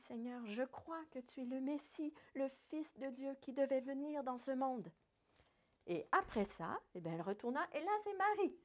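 A woman with a French accent, a Sunday school teacher retelling a Bible story for children with lively little acted quotes. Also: high-pitched.

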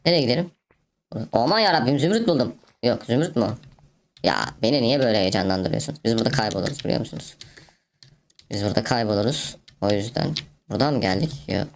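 A woman's voice: a bass voice, expressive, fast talker, creaky. A woman giving playful, chatty let's play commentary to her viewers, peppered with mouth sound effects. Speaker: gaming video host.

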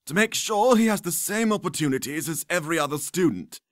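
A man voicing an eccentric old male headmaster wizard in a storybook reading, with a hearty, booming delivery. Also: very animated, normal speed, fairly bright tone, no room sound, studio quality. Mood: assured.

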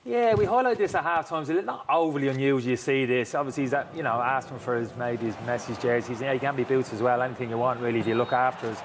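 A middle-aged man breaks down football replays at a brisk clip, emphatic and sure of his reads. He sits on a TV studio set wearing a lapel mic. A clear layer of background noise runs under his voice. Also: medium pitch. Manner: emphatic, talks over replays. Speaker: football pundit. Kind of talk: studio match analysis.

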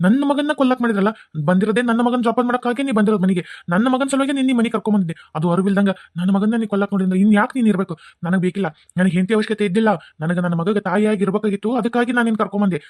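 A woman voicing an angry, protective father who scolds fast and heatedly, with a North Karnataka accent. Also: medium pitch, a little mellow, no echo, studio quality, voice pushed down, lightly acted. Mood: furious. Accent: North Karnataka Kannada.

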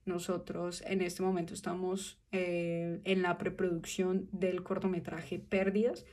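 A woman in her twenties with a Colombian Spanish accent, speaking to camera from a small room about her film project, earnest and thoughtful, with pauses and restarts. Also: lowish voice, little pitch movement, a little mellow. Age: 20s. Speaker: film student pitching her short film. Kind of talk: direct-to-camera appeal. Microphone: phone camera at arm's length.

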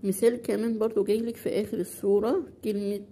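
A woman with an Egyptian accent teaching a beginner Quran recitation lesson, asking questions and answering them herself, and drawing out example words slowly. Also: medium pitch, little pitch movement, mellow, slight background noise. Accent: Egyptian Arabic.

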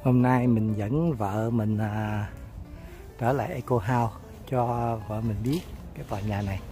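A man's voice: fairly low pitch, a little slow, over music. A man vlogging outdoors as he walks through a garden, talking straight to his viewers in a chatty way. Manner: chatty, addresses viewers directly. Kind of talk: casual vlog narration.

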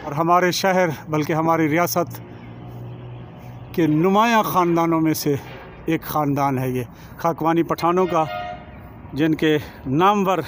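A man's voice: fairly high pitch, roomy sound, a little hiss or hum. A man, narrating a touring vlog outdoors at a graveyard and earnestly pointing things out to the viewer. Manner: earnest, guiding the viewer around. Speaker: vlogger.

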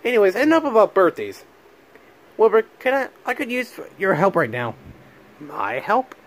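A man's voice: sits high, big pitch swings, moderate pace, voice pushed up. A man voicing Mario, turned into a cat, as an eager adult man who pleads with many hesitant restarts, in a plush toy home video. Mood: pleading. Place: home room with couch.

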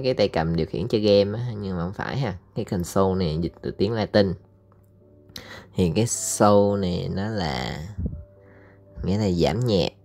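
Low-voiced Southern Vietnamese teacher. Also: male voice, darkish tone. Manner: chatty, hesitant with many fillers, drawls out English words slowly for repeating. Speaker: English teacher. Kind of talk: casual recorded lesson explaining slides.

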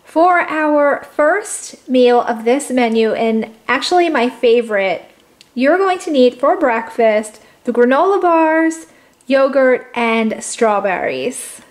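A woman's voice: high-pitched, lively intonation, takes it slowly. A woman hosting a cooking video, walking viewers step by step through a simple recipe in a chatty way that calls them guys. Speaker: cooking channel host. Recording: echoey room with faint background noise.

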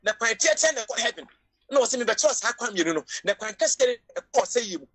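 A woman's voice: fairly high pitch, very animated, fairly quick. Impassioned Ghanaian woman preaching. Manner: emotional, rising to cries and shouts, mixing English into Twi preaching. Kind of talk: sermon.

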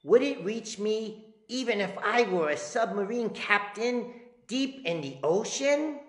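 A man's voice: high-pitched, animated, a little slow, roomy sound, pitched above the performer's own voice. A man voicing anxious, curious young children in a storybook read-aloud.

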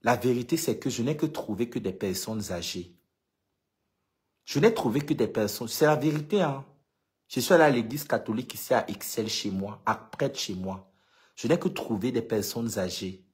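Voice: medium pitch, moderate pace. An LGBT activist from Cameroon with a Cameroonian French accent, talking casually to followers in an emphatic way and repeating points for stress. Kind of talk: casual vlog monologue to followers.

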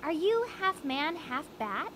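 A woman voicing a polite, studious young female unicorn in a fan-made cartoon, earnest and animated. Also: sits high, takes it slowly, noisy background, heavily acted.

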